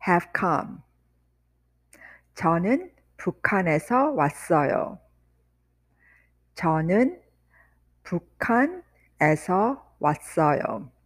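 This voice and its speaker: A woman teaching Korean phrases in English, repeating each phrase slowly and then quickly. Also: on the low side. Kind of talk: slow, drilled language lesson.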